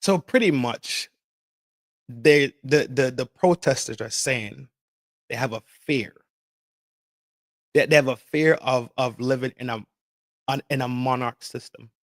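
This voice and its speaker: Speaking at medium pitch, the podcast host takes his time and leaves long pauses in a studio-quality recording free of room sound. He vents about politics in a casual, repetitive way, swearing hard, using street slang and hammering his points home.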